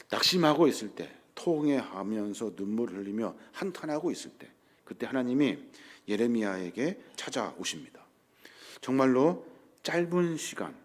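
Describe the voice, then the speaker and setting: A middle-aged man preaches in a steady voice of ordinary pitch. He speaks earnestly and dramatizes quoted words with rising emphasis, the way a pastor does from the pulpit. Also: slightly rough. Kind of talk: sermon.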